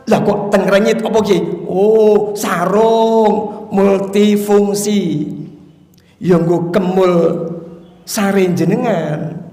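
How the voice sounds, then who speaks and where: High-voiced Javanese preacher in echoey hall. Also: male voice. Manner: animated storytelling, mixing Javanese and Indonesian, joking with the audience. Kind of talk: dawn mosque lecture. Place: mosque. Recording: echoey hall with long reverb.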